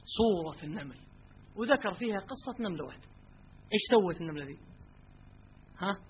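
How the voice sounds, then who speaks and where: A man's voice: sits high, fairly quick. A man preaching a colloquial sermon, telling stories and putting rhetorical questions to his listeners. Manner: lively, asks the crowd rhetorical questions. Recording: tinny phone-like lo-fi recording with faint noise.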